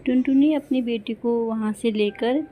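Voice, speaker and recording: A woman telling a children's cartoon story in a simple, even way. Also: on the high side, normal speed, narrow, tinny audio, a little hiss or hum. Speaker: narrator. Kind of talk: scripted storytelling narration.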